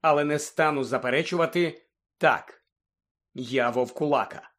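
A weary male teacher from an audiobook, speaking quietly and with careful restraint, voiced by a male reader. The voice sits a little high and stays measured. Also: natural voice. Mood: calm. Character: calm, weary adult male teacher, gentle and tense. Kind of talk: audiobook character voice.

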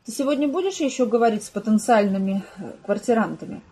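A woman reading an audiobook, voicing a concerned young wife who asks questions in a gentle way. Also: a little high, animated, fast, husky. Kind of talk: audiobook character voice.

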